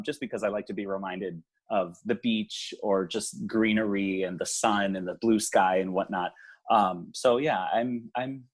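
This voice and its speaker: A young Hawaiian man with a lowish, husky voice chats casually as a guest in an interview. He owns a small business, a venue, and he's relaxed, sprinkling in plenty of ums and laughing easily.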